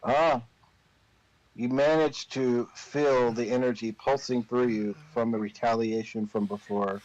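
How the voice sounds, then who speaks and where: A man narrating a tabletop game as game master, improvising the story in a deliberate, pausing way. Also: medium pitch, steady tone, a little mellow, dry recording, highs cut off.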